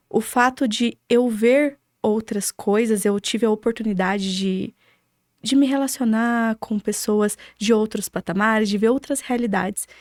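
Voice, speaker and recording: A woman from Cambé, Paraná, Brazil, speaks with a Brazilian accent in a mid-range, slightly mellow voice. As a podcast guest, she tells her story casually and reflectively in short, listed phrases. The recording is dry and studio quality.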